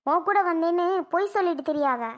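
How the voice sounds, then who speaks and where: A woman voicing an injured young wife in a cartoon, who is furious and scolds sharply. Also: fast. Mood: angry. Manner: shrill, scolding, exasperated. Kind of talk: cartoon voice acting.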